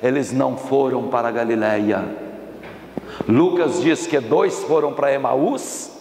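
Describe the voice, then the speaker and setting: A man's voice: mid-range voice, measured pace, darkish tone, reverberant, long reverb tail, slight background noise. A man preaching a sermon in church, impassioned and acting out scripture scenes. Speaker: pastor.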